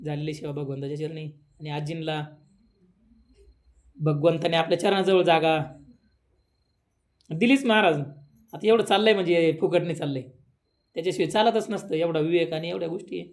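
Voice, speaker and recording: A man's voice: a little high, fairly even intonation, normal speed, pauses often. A man, giving a devotional sermon at a village memorial gathering, talking conversationally and rising into emphatic questions. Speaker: kirtan preacher.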